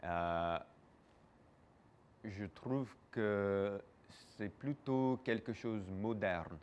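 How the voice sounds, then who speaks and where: A man's voice: on the low side, extremely slow, a little mellow, clean tone, muffled recording. A man giving hesitant, explanatory answers in a casual interview. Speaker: museum interviewee.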